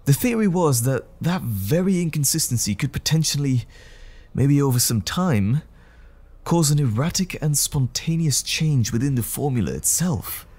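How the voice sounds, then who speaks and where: With a mid-range, expressive, slightly rough voice, a man portrays an apologetic, troubled gentleman scientist for an audio roleplay drama. His speech is formal, hesitant, and anxious, carrying a regretful, earnest mood.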